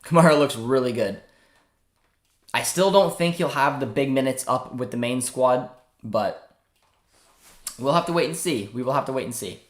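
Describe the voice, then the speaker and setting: A man's voice: mid-range voice, expressive, normal speed, long pauses, roomy sound. A young man from Canada hosting a casual live football watchalong, chatting and reading viewer comments aloud. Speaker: livestream host.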